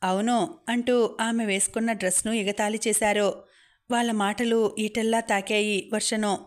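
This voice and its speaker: Woman reading an audiobook novel, steady, flat even tone. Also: medium pitch, moderate pace. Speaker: audiobook narrator. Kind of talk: scripted narration.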